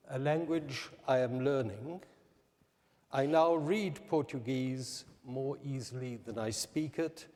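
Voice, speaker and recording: A candidate from New Zealand gives a formal prepared speech as a public presentation, speaking unhurriedly and deliberately. His medium-pitched voice is mellow and dark, with a long reverb from a large hall.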